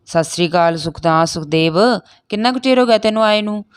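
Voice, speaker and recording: A woman's voice: fairly low pitch, lively intonation, quick pace, smooth, lightly acted. A woman reading the part of a blunt, protective elderly village father, in a raised voice.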